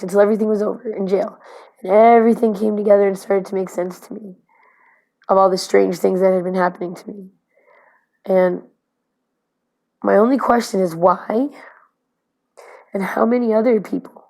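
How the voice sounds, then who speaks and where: A woman's voice: medium pitch, a little mellow. A woman talking to her camera in a casual confessional video diary, anxious and rambling, with many fillers and restarts. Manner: swears bluntly. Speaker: vlogger recording video diaries.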